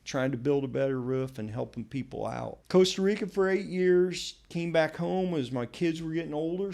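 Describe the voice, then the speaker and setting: Middle-aged guy telling his life story on his podcast, gravelly voice, real laid back and chatty. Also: fairly high pitch, darkish tone. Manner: casual, conversational retelling. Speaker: podcast host. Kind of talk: personal storytelling monologue.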